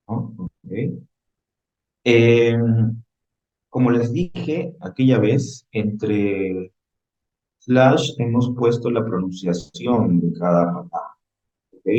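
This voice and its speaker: A man's voice: mid-range voice, warm tone. A man teaching an English vocabulary lesson in Spanish, patient and repeating "ok?" to check on his students. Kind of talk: classroom lesson reviewing vocabulary. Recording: roomy, slightly dull recording.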